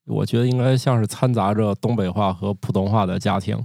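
A man's voice: fairly low pitch, steady tone, brisk, creaky, darkish tone, dry recording, studio quality. A man from Northeast China hosting a casual podcast chat, joking and laughing often. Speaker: podcast host.

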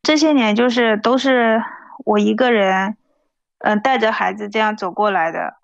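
A woman's voice: mid-range voice, moderate pace, creaky, no echo, muffled recording. A woman in her thirties from mainland China tells a personal story plainly and unhurriedly, with small restarts. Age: 30s.

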